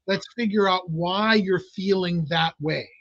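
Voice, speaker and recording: This guest is a clinical hypnotist from an Italian American family, talking through hypnosis at a measured pace in a relaxed interview. His fairly high voice is explanatory but full of restarts and fillers. The audio sounds dry and somewhat dull, as if recorded remotely.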